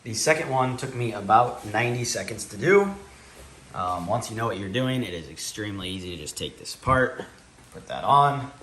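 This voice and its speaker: A man's voice: fairly low pitch, normal speed, a little hiss or hum. A man casually explaining a car part install step by step as he works, for a time with a lollipop in his mouth. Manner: talking while working with his hands, relaxed and matter-of-fact. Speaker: car owner doing an install video. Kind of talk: casual how-to narration.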